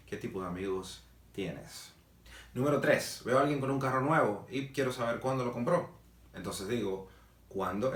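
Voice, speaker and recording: A man teaching an English grammar lesson in Spanish. He explains each step and asks himself rhetorical questions as he goes. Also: deep voice. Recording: echoey room, mic at a distance.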